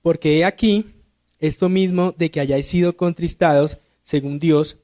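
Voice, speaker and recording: A man's voice: fairly high pitch, fairly even intonation, moderate pace, darkish tone. Spanish-speaking deacon quizzing his class. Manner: asks the class questions and answers them himself; reads verses aloud with rising emphasis. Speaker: deacon teaching Sunday school. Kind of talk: Sunday school grammar lesson. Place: church classroom.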